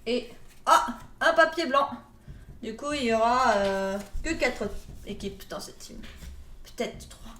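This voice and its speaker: A woman's voice: fairly high pitch, expressive, takes it slowly, a bit bright. A woman hosting a live tournament pool draw, playful and joking with viewers. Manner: playful, laughs often, jokes with viewers. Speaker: host drawing tournament pools. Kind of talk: casual live-stream commentary. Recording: echoey room with faint noise.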